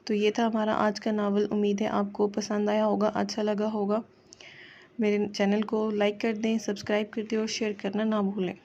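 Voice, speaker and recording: A woman reading a romance novel aloud in a steady, even voice, with some stumbles over words. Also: medium pitch, moderate pace, muffled recording, a little hiss or hum. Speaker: novel narrator.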